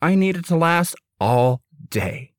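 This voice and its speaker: A male storyteller reading a children's tale aloud at an unhurried pace. His pitch rises and falls freely as he brings the words to life. The sound is dry and close, with no room around it. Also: dry recording. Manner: expressive, deliberate read-aloud delivery. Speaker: author and narrator.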